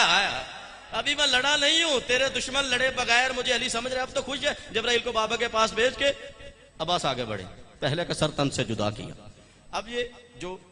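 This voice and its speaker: A man preaching a Muharram majlis sermon in a Pakistani Urdu accent. He climbs to shouted, fervent peaks, then drops to quiet asides. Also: a little high. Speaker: Shia preacher. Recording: long hall reverb.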